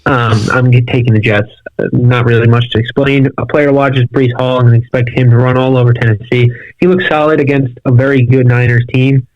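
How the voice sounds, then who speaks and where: A man's voice: mid-range voice, flat delivery, a little fast, dry recording. A young man co-hosting a casual sports podcast, blunt and matter-of-fact, heard over dull lo-fi remote call audio. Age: young adult. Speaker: co-host.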